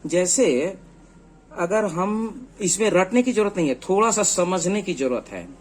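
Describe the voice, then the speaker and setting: Lively-voiced man teaching letters slowly. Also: sits high. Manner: slow, deliberate spelling-out of letters one by one. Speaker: English teacher. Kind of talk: screen-based lesson explaining letters.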